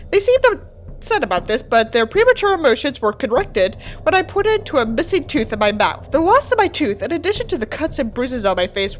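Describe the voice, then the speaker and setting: A woman with a high, fairly bright voice hosts a reading of a book aloud, treating it with mock drama. Her delivery is theatrical and sarcastic, broken up by candid asides of commentary.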